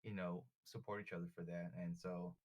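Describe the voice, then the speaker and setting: A man's voice: sits low, little pitch movement, a little fast, crowd noise. A young man with a Californian Bay Area accent telling stories casually as a podcast guest, in slangy, sweary frat-bro talk. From born in Southern California, raised in Richmond, California. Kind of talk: casual chat and storytelling.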